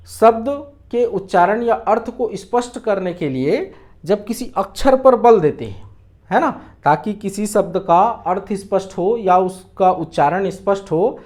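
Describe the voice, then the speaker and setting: A man's voice: high voice, darkish tone. A male teacher delivers an exam-prep lecture. He walks through each point patiently. He poses rhetorical questions to the class and answers them himself.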